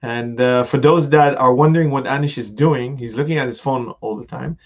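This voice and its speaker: The slightly lo-fi recording captures a middle-aged man with a mid-range voice hosting a conversational interview, his speech halting as he thinks aloud.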